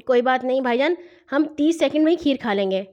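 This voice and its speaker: A woman voicing a nervous young schoolboy who stammers out hurried excuses in a children's story. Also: high voice, lively intonation, a little mellow, dull audio. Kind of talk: storybook reading.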